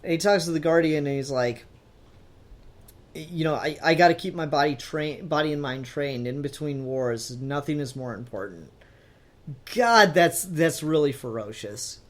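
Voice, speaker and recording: In a relaxed comic book discussion, the podcast host wanders from point to point in an informal, mildly sweary manner. The voice is mid-range and moves at a moderate pace.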